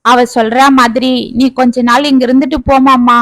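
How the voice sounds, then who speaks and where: A woman voicing a soft caring young wife. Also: high voice, flat delivery, normal speed, no echo, studio quality. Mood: gentle. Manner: gentle, pleading.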